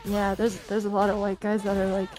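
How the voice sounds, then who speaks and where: A woman chatting casually while learning a fighting game, repeating words and reacting quickly. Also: medium pitch, monotone, a little mellow, soft background music, poor audio. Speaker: player being coached. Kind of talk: casual chat.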